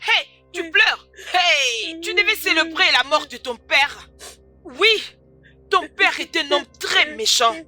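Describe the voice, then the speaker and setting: A woman's voice: very high voice, animated, slow, pushed and bright, soft background music, exaggerated voice. A woman playing a spiteful young woman who mocks and threatens with scorn, in a dubbed film drama. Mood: mocking. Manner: mocking, scornful taunts. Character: spiteful young woman, cruel taunting bully.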